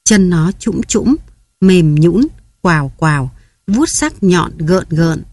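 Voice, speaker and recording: A woman narrating a story as an audiobook in a steady, even reading style. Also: mid-range voice, no echo.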